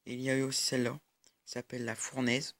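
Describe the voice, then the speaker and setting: A man's voice: medium pitch, monotone, fast talker, a bit bright, no echo, clean studio sound. A young man giving casual mobile-game commentary over a recording of his screen, hesitant and full of fillers. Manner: hesitant, many fillers and restarts. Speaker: gaming YouTuber.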